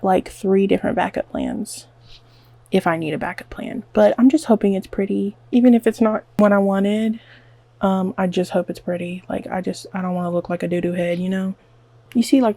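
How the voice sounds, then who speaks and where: A beauty vlogger with a Southern accent records herself at home mid-hair-dye, chatting aimlessly, nervously, and self-mockingly to the camera and saying "like" again and again. Her medium-pitched voice has vocal fry and a warm tone, with no room sound.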